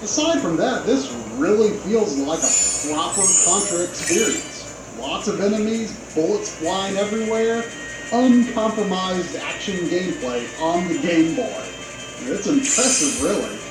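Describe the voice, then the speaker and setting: A man with a high-pitched, lively voice narrates a scripted video game review at an unhurried pace. He sounds conversational and opinionated, adding casual asides, and the recording is roomy with game music playing behind it.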